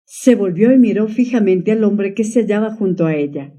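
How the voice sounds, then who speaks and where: Dark-voiced woman narrating an audiobook. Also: medium pitch, animated, distant mic. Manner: measured, dramatic reading.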